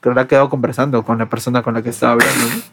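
A young man in his twenties with a Peruvian accent, telling a personal story in casual podcast chat, animated and full of restarts. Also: medium pitch, breathy edge. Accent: Peruvian Spanish. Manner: fast, animated anecdote-telling with many restarts. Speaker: podcast co-host.

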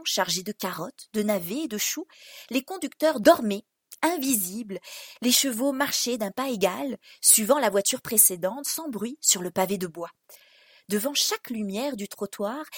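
A woman narrating literary prose as an audiobook, in an expressive, dramatic storytelling manner. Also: medium pitch, no echo, clean studio sound.

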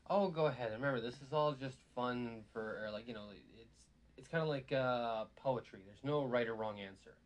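A man hosts a laid-back conversation, his sentences wandering and rambling as he goes. His voice sits at an ordinary middle pitch. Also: normal speed, highs cut off. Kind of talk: casual chat.

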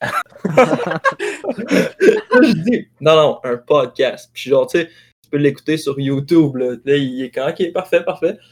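A man's voice: medium pitch, takes it slowly, long pauses. A young man with a Québécois accent hosting a podcast, telling casual stories and laughing often. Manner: laughs often, relaxed storytelling. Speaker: podcast host. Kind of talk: casual chat.

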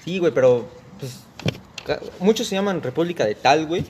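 A man's voice: on the high side, lively intonation, a little fast, a little mellow, a little hiss or hum. A young Mexican man with a Mexican Spanish accent, co-hosting a casual podcast, slangy and swearing freely. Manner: slangy, swears freely, laughs mid-story. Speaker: podcast co-host.

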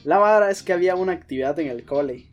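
A man's voice: high voice, animated, fast talker, faint music behind. A young man with a Costa Rican accent telling a rambling, slangy story in casual chat. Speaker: storyteller guest.

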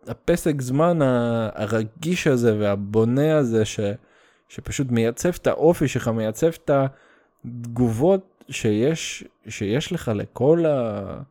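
A man's voice: mid-range voice, warm tone. Blunt Russian-accented man rambling on a podcast. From Soviet Union. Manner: blunt, slangy and sweary, mixing in English words; rambling, stop-start delivery. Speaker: podcast host. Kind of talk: casual solo podcast monologue.

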